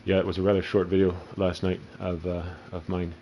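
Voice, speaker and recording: Man, very low voice, crude rambling gameplay commentator. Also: completely flat delivery, brisk, highs cut off, slight background noise. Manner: crude, profane, rambling storyteller. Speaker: gaming channel host.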